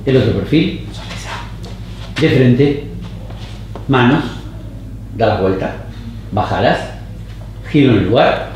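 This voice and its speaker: A man directing actors on a casting tape with short, calm, even commands. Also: medium pitch, slow pace, pauses often, lo-fi sound, slight background noise. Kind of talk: giving short camera directions. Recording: roomy echoey studio.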